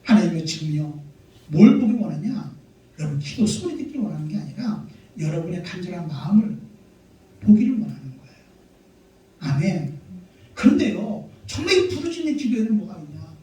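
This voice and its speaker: A man's voice: sits high, big pitch swings, normal speed, dark tone. A man, a pastor, preaching a sermon emphatically, full of rhetorical questions and repeated amens. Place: church sanctuary. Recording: very echoey church hall, mic far off.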